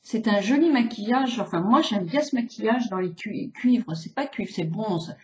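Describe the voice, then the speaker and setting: A sixty-something beautician from France chats her way through a demonstrative face-exercise tutorial, lengthening her vowels along the way. Her medium-pitched voice is lively in intonation at a moderate pace, recorded in a roomy, slightly dull home video.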